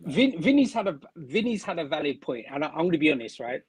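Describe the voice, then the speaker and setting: A man hosts a casual football live stream. His voice sits a touch high and husky, recorded close and dry. He talks in animated bursts and repeats words as he builds his point. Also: quick pace, no echo, rough recording. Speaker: host. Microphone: remote stream mic.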